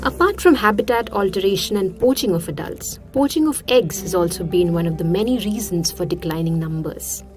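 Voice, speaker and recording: A woman delivers scripted nature documentary narration. Her pitch sits in the middle range for a woman, and soft music plays behind her as she tells the story as narrator. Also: lively intonation, brisk, few pauses.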